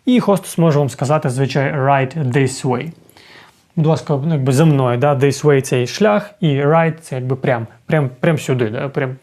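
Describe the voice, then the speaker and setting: A man's voice: medium pitch, fairly quick, few pauses, a little mellow. A man explaining English restaurant phrases in a casual online lesson, often checking in with his viewers. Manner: explanatory, often adds "так?" and "друзі". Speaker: English teacher.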